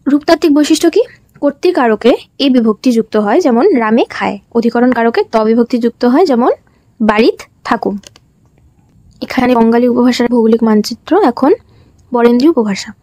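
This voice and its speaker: A young woman from West Bengal, India, talks through a classroom presentation in a high voice, posing short questions and then answering them. Her voice is close and dry, with no room sound. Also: no room sound. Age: young adult. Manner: explains in a steady question-and-answer pattern. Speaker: student teacher presenting. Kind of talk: presentation lesson.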